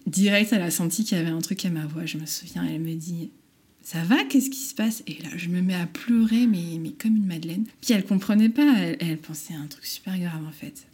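A woman's voice: lowish voice, brisk, a little mellow, slightly rough. A woman in her thirties telling a personal story candidly and with animation, acting out the voices in it and laughing often.

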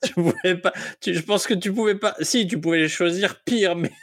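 A man's voice: high voice, moderate pace. A man co-hosting a casual film podcast, reacting with amusement. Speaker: podcast co-host.

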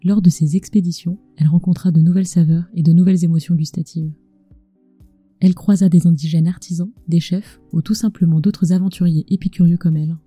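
Lady narrating a podcast story, really close in your ear, dry sound, lowish voice. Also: fairly even intonation, fairly quick, mellow, breathy edge, no room sound, soft background music. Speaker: podcast host, culinary storyteller. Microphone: close microphone with acoustic screen.

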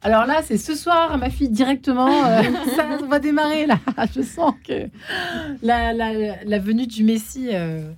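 A woman's voice: fairly high pitch, lively intonation, measured pace. A woman hosting a radio talk show in a studio, enthusiastic and chatty with many fillers. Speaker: radio host. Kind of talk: casual studio chat.

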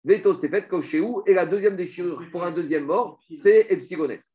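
A man teaching a Talmud lesson, explaining rapidly and animatedly while reading out Hebrew and Aramaic passages. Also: high voice. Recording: dull lo-fi recording.

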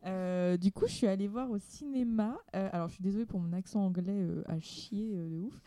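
A woman's voice: medium pitch, a little fast, warm tone, a little hiss or hum. A young woman co-hosting a podcast, enthusiastic but hesitant, with many fillers. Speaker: podcast co-host. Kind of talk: casual chat.

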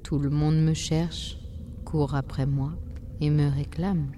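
A woman voicing Time, an old being living inside a stone, speaking softly, deeply and slowly. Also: slight background noise. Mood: calm, slow. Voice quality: soft and deep. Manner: slow, calm, unhurried.

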